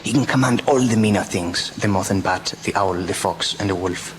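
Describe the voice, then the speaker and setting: Radio drama: commanding older-world professor and vampire hunter, male actor, low register, solemn speeches, stilted phrasing, noisy tape. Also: moderate pace, lightly acted. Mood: grave, rallying. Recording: noisy amateur local radio recording.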